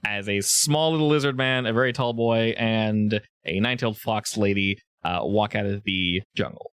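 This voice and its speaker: A man's voice: on the low side, normal speed, a bit bright, clean tone, no echo, clean studio sound. A man running a tabletop game, narrating casually as game master.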